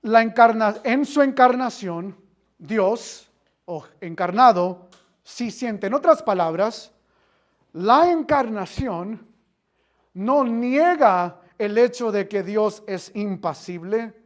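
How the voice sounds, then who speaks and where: Unhurried church teacher who quizzes the class and repeats key phrases. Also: mid-range voice, expressive. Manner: mixes in English filler words. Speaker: Bible teacher. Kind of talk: interactive Bible class teaching.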